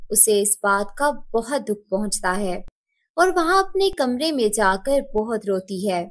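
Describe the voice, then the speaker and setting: A woman giving scripted narration for a cartoon story in a steady, expressive way. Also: medium pitch.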